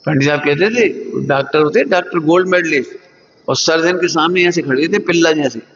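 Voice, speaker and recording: A man preaches to a hall of students, his voice sitting fairly high and full of life as he acts out little scoldings and chuckles along the way. The sound rings with long reverb from a large hall. The recording itself is dull and lo-fi. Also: a little fast, slight background noise. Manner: lively, acts out scoldings with sudden high jumps; chuckles often while teaching. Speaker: Jain religious teacher. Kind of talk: morning sermon to students.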